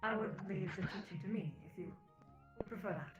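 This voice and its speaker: A woman plays a courteous druid teacher with formal, measured wording. The voice is mid-pitched in a roomy voice-chat recording, with music clearly playing behind. It is improvised fantasy role-play. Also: lo-fi sound.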